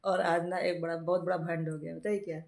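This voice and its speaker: A woman's voice: on the low side, level tone, a little fast, creaky, darkish tone, reverberant. A woman who is a mother and vlogger, chatting casually at home while unwell with a fever. She tells a long story and often breaks into laughter. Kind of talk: casual home vlog chat.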